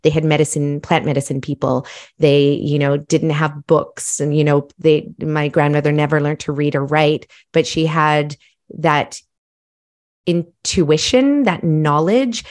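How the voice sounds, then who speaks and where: Woman guest, middle-aged, from Malawi; deep-set voice; lively, reflective storytelling. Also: a little slow. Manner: animated, self-reflective storytelling. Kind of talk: casual storytelling.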